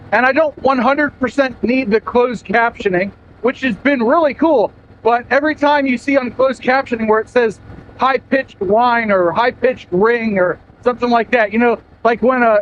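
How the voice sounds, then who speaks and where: A man chats to camera from his motorcycle, his voice strained very high and loud as he yells over the wind. The sound is muffled and dull. A faint hum of engine and wind runs underneath. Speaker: motorcycle vlogger. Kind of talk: casual talk to camera while riding. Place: outdoors riding a motorcycle.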